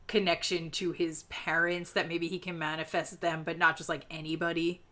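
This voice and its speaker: Bright-voiced animated woman podcaster. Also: on the low side, normal speed. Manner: animated, swears, laughs often, acts out quotes. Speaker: podcast co-host. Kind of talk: casual book discussion.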